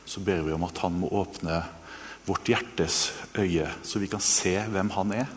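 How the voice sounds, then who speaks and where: A man with a low voice preaches and leads a guided reflection, sometimes telling the story with animated earnestness and sometimes speaking softly. His voice rings out with a long reverb through a large church hall. A faint hiss sits underneath. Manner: earnest, animated storytelling that later turns soft and hushed. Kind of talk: sermon with guided meditation.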